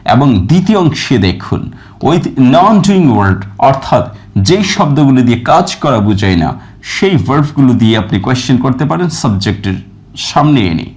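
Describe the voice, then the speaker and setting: A man teaching a recorded grammar lesson, reading example sentences slowly and with stress, then explaining each one. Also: mid-range voice, big pitch swings, a little mellow. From Bangladesh. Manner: reads English examples slowly and with stress, then glosses them. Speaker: English teacher.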